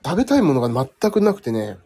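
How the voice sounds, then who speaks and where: A man's voice: high-pitched, wildly swooping pitch, fast talker, mellow, slightly rough. A man hosting a casual live stream from home, chatting with listeners in a sleepy, rambling, self-deprecating way, slightly nasal from a cold. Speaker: livestream host.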